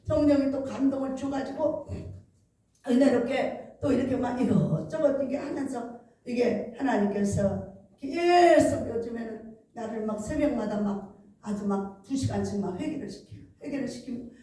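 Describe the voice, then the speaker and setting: High-voiced woman preaching in an echoey hall. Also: normal speed, mellow, distant mic, slight background noise. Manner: chatty storytelling, acts out quoted dialogue. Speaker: pastor. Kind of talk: revival sermon. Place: large church hall.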